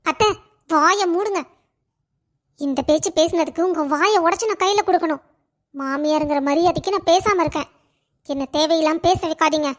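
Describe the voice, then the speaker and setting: A woman's voice: very high voice, moderate pace, long pauses. A woman voicing a young pregnant daughter-in-law, defiant when insulted and caring toward family. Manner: fiery when wronged, tender with family.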